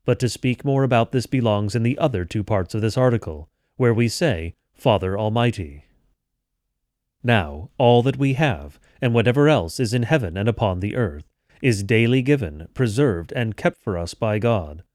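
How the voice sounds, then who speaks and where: A man with a fairly low voice reads scripture and catechism aloud for a daily devotional. He keeps a measured, even delivery, and the recording is close and dry with no room sound. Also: dry recording. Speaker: devotional reader. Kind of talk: liturgical scripture reading.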